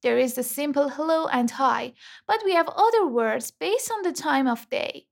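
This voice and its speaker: A woman from Iran, hosting an English lesson and saying model phrases slowly and carefully for learners to repeat. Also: high voice, expressive, creaky. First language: Persian. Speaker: English teacher and host. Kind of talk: scripted language lesson.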